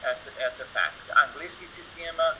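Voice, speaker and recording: In noisy online seminar audio, a US-born guest presenter whose native tongue is English gives a casual conference talk in Russian, stumbling, hunting for words, and making grammatical errors in an American accent. His voice is on the high side, expressive, bright, and forceful.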